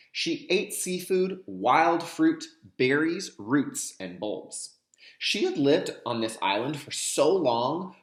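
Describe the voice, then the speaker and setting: In an echoey room, a man with a medium-pitched, slightly bright voice teaches little kids through a read-aloud. As a kindergarten teacher sharing a picture book, he talks to his young listeners directly, explaining along the way and going over key terms repeatedly.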